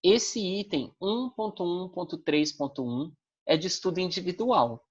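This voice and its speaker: A woman's voice: lowish voice, expressive, a little slow, breathy edge, highs cut off. A woman with a Brazilian accent teaching an online Portuguese language class, explaining step by step and often checking in with her students. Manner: didactic, checks in with tag questions.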